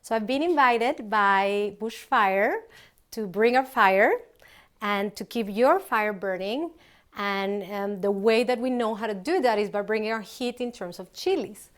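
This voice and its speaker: Speaking unhurriedly at a medium pitch, a middle-aged woman from Colombia presents a recipe in a large open kitchen. She founded a company, and her casual, chatty delivery is filled with ums and restarts.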